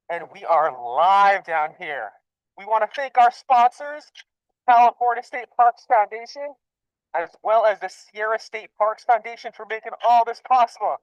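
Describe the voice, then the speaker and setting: A man working as a park scuba diver, presenting a live program from underwater and excitedly asking viewers questions. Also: very high-pitched, no room sound, dull audio. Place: underwater in a lake, diving.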